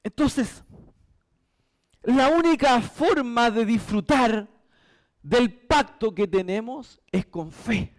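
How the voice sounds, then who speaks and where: A man's voice: extremely high pitch, expressive, takes it slowly, pauses often. A male pastor preaching a sermon in a church, emphatic and repetitive.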